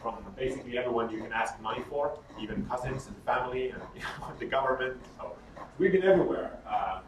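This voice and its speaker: A man's voice: mid-range voice, fast. A man, giving an informal, joking workshop talk full of fillers. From Sweden. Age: 30s. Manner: candid and joking, with frequent fillers. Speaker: workshop speaker. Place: workshop room. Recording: roomy, distant mic, audible noise.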